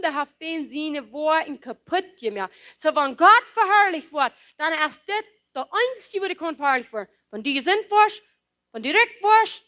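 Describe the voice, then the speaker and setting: High, bright-voiced woman preaching. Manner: impassioned, emphatic preaching with repeated phrases; mixes English words into her speech. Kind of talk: sermon.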